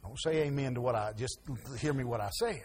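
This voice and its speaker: A man preaching a sermon, folksy, repeating words as he restarts and swinging from soft asides to loud emphasis. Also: mid-range voice, a little fast, a crowd in the background.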